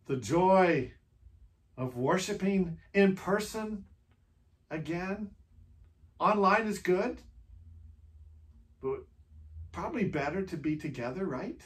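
A pastor giving a reflective Holy Week meditation, speaking gently in short phrases with long pauses and asking the listener many questions. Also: mid-range voice, animated.

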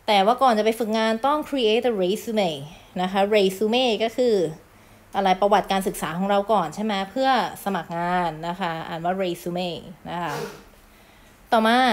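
Woman teacher from thailand going over a lesson, chatty, slows right down on the english bits. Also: mid-range voice. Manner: explains in Thai, reads English phrases slowly and clearly; polite sentence endings, chatty asides. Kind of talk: recorded lesson explanation.

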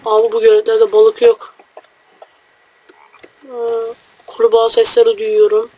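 A young man giving casual, joking let's-play commentary, brash and quick to swear at enemies while talking to his viewers. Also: very high voice, completely flat delivery, mellow. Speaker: gamer.

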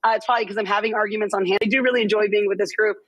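A slightly hoarse woman giving measured, explanatory rules analysis on a studio football panel. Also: medium pitch, steady tone, no echo, rough recording. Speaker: refereeing analyst.

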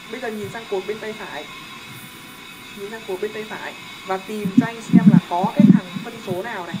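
A young male tutor rattles through a math lesson at a quick clip, casual and joking as he keeps checking that his students follow. Loud background noise sits under his voice throughout. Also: high-pitched.

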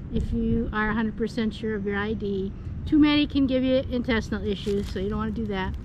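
High-voiced older woman vlogging outdoors. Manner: chatty, informal, lying on the forest floor. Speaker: forager vlogger. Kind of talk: casual outdoor vlog. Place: open spring woods, outdoors. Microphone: camera set a few feet away on the ground. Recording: outdoor noise in the background.

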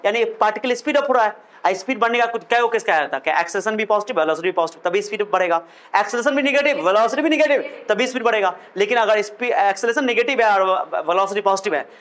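Brief: male physics lecturer, higher-pitched voice, repeats and quizzes. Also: fast, a bit bright. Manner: quizzing questions, repeating phrases. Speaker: physics teacher. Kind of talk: classroom lecture.

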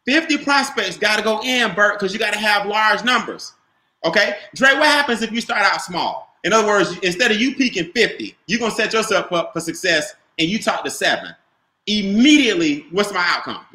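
A man's voice: sits high, lively intonation, a little fast, pushed and bright, reverberant. A man coaching a group on a video call, stressing and repeating his key points and quizzing listeners. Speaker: business trainer.

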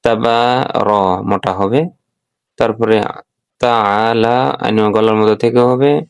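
A man teaching how to pronounce a prayer, repeating each phrase slowly for learners. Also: on the low side, steady tone, vocal fry, smooth, no echo. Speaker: religious teacher. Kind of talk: recitation lesson.

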